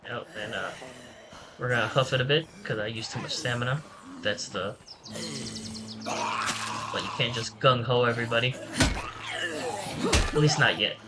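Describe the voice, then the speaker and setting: A man giving a relaxed, rambling, self-deprecating let's-play tutorial commentary. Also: medium pitch, normal speed, long pauses, heavy background noise. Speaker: gaming channel host. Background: game music.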